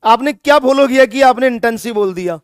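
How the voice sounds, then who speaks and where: A man's voice: extremely high pitch, fairly quick, smooth, no echo, studio quality. A male chemistry teacher lecturing a classroom, scolding students and repeating his points with emphasis.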